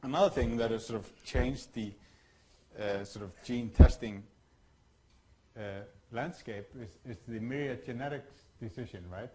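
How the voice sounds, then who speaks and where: Giving a lecture at a workshop, a man from Iceland stumbles along with frequent fillers and restarts. His voice is medium-pitched and mellow, captured on poor audio.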